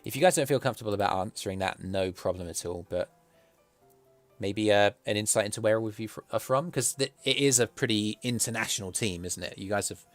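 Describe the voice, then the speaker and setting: A man with a posh, plummy accent from the south of England hosts a relaxed livestream chat. His voice sits fairly low and sounds dry, with some music behind him. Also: fast talker, no echo. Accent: southern English, posh. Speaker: stream host interviewing artists.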